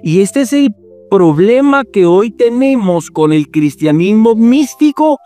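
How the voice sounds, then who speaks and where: A man's voice: high voice, animated, unhurried, mellow, soft background music. A man teaching in a sermon style, theatrical and sarcastic as he mocks false visions. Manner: sarcastic, theatrical, swings between mock rapture and scorn. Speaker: preacher and apologetics teacher.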